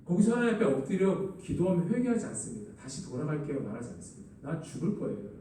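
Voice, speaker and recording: A man's voice: fairly high pitch, sing-song, fast talker, warm tone, far from the mic, slight background noise. A man preaching a sermon as a pastor, acting out the lines he quotes. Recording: echoey hall, voice from afar.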